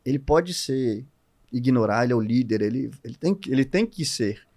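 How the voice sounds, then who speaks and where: A man with a Brazilian accent speaks as a podcast guest. His voice sits at an ordinary middle pitch, and he tells his stories and explains his points with lively, expressive energy. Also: moderate pace. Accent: Brazilian Portuguese. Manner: animated, expressive storyteller. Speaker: guest entrepreneur. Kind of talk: casual podcast conversation.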